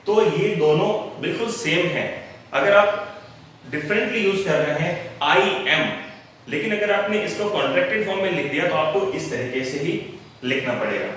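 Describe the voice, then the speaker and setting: A man's voice: high voice, animated, moderate pace, a bit bright, distant mic, slight background noise. A man teaching an English lesson, patiently repeating example sentences. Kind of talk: online spoken-English lesson. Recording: very echoey room, voice off-mic.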